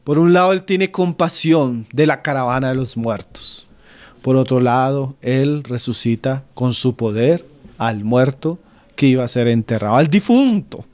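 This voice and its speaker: A man from Colombia preaching an expository Bible sermon, who keeps checking in with the congregation, calling them brother, and drops low at the ends of his phrases. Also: a little slow. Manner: keeps asking the flock "¿sí?" and "¿no?", calls them "hermano"; swings between loud quoting and low, trailing phrase ends.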